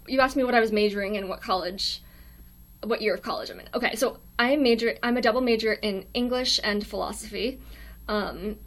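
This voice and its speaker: A shy, quiet young woman with an American accent, chatting casually on a livestream from her dorm room, reading viewer comments aloud with lots of ums and little laughs. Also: medium pitch. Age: young adult. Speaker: livestream host.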